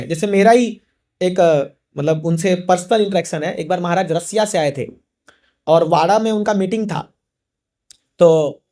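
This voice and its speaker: A man's voice: sits high, a little mellow. A middle-aged man giving a devotional class, retelling a scripture story and briefly acting out the characters' voices. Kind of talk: storytelling sermon.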